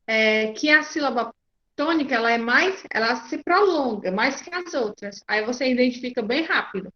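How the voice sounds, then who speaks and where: A woman's voice: fairly high pitch, animated, moderate pace, a bit bright. A Brazilian woman teacher giving an online class, patient and checking often that her students follow. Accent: Brazilian Portuguese. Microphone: video call. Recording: muffled lo-fi video call audio.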